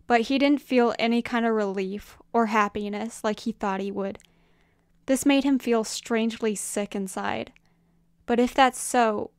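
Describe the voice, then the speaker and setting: Woman narrating a story, smooth. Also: a little high, no echo, clean studio sound. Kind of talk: fan fiction audiobook reading.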